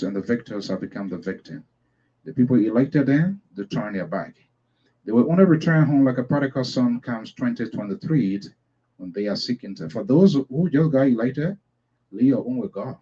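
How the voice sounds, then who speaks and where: A man's voice: mid-range voice, expressive, moderate pace, warm tone, slightly rough. A man hosting a radio program, speaking in an emphatic, preachy way. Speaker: program host. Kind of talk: broadcast commentary. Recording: dull lo-fi sound.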